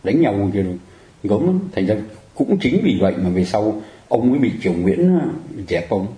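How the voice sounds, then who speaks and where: Chatty male Buddhist teacher, mellow voice. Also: lowish voice, big pitch swings, moderate pace, echoey room, low-quality recording. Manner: conversational, keeps asking the audience to agree. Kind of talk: Buddhist dharma talk.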